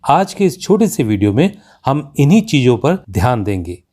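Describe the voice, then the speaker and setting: A man with an Indian accent teaching English pronunciation in a slow classroom explanation, reading example sentences very carefully. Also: medium pitch, very animated, warm tone.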